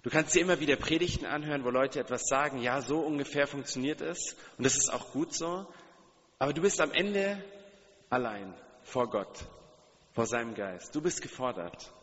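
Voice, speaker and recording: A man gives a sermon in a medium-pitched, slightly bright voice, animated and at a moderate pace. He is earnest, addressing direct questions to his audience and repeating key phrases for emphasis. The recording is dull, with long hall reverb.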